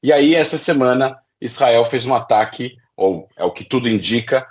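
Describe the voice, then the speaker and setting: As a guest in an interview, a Brazilian-accented political analyst walks through his explanatory points one step at a time in a didactic manner. He speaks at normal speed in an expressive mid-range voice, though the audio is dull.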